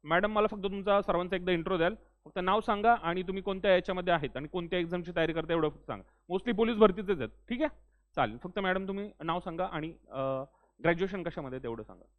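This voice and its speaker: A man's voice: sits high, fast. A young man teaching a classroom lecture in a friendly way, often saying "ठीक आहे" and urging students to speak up. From Maharashtra. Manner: loudly urges students to speak up. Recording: tinny phone-like recording.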